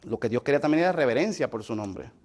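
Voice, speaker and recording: He teaches Bible study in an expressive, slightly mellow mid-range voice, talking fast. The lesson unfolds step by step as he checks with listeners through questions, dropping English fillers like "so" along the way.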